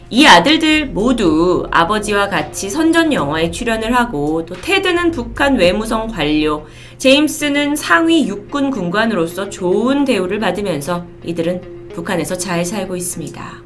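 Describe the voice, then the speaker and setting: Lively woman storyteller over faint music. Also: mid-range voice. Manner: polite presenter phrasing. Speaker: host of a storytelling video channel. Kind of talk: explanatory storytelling narration.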